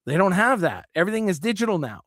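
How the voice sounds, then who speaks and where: A man hosts his own talk show and speaks in an earnest monologue. He rambles and often restarts his sentences. His voice sits fairly high, and the recording is close and dry. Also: big pitch swings, fast, fairly bright tone, no echo. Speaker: show host. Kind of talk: spoken monologue.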